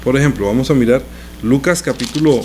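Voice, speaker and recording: Pastor guy going through a bible passage, talks it out casual, mid-pitched voice, little bit of noise behind. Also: brisk, a little mellow. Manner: conversational, explains scripture with everyday examples. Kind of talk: sermon, Bible teaching.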